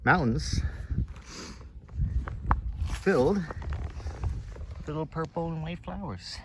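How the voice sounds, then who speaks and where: A man's voice: fairly high pitch, expressive, extremely slow, background noise. A man filming himself on a mountain trail, chatting casually as he walks, with a loose, rambling way of talking full of fillers. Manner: easygoing, rambling, many "like" and "uh" fillers. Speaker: hiker filming a trail vlog. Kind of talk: casual walking narration. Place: outdoors on a wooded mountain trail.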